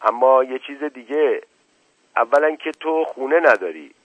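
Guy doing a polite shy fisherman, husky voice, muffled old radio sound. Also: mid-range voice, lively intonation, dry recording, voice pushed up, close to an everyday voice. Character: humble male fisherman, polite and cautious. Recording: dull lo-fi radio recording.

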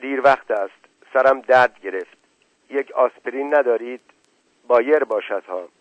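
A man's voice: medium pitch, no echo, muffled recording, close to an everyday voice. A man voicing a proud, hot-tempered young man who protests and defends himself. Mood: placating. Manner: indignant, protesting.

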